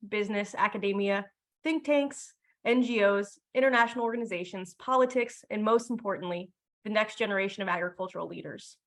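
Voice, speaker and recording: A woman who works as a program manager, reading a prepared welcome address steadily. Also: a little high. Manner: reads steadily from a prepared text.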